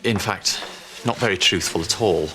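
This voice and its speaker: A man's voice: low voice, normal speed, pushed and bright. An actor playing a man who apologises in a hesitant, stilted and formal way. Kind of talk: soap opera acting.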